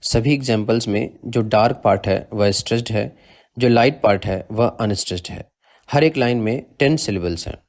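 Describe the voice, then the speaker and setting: A man's voice: mid-range voice, darkish tone. A man narrating a literature lesson, reading terms in English and explaining them in Hindi. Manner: measured, explains each term in Hindi after reading it in English. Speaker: literature teacher.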